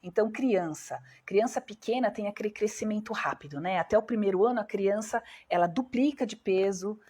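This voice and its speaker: On her live stream, a Brazilian Portuguese–accented doctor talks briskly in a mellow, slightly rough voice of medium pitch. Her explanations go step by step, and she asks the audience questions before answering them herself.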